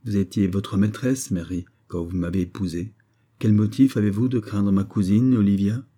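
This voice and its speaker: A man voicing an earnest young army captain, speaking firmly but gently to his wife in an audiobook reading. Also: lowish voice, fairly even intonation, moderate pace, lightly acted. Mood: reassuring.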